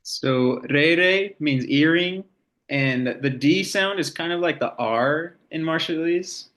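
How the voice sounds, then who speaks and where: A man teaching a language casually, unhurried and hesitant, with many filler words. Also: on the high side, a bit bright. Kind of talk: casual lesson.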